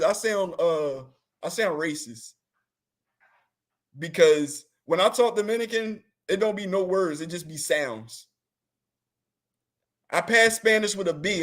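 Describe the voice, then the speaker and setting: A man hosts a show with comedic casual chat, slangy and rambling and often laughing. His voice is high and animated, at a normal speed.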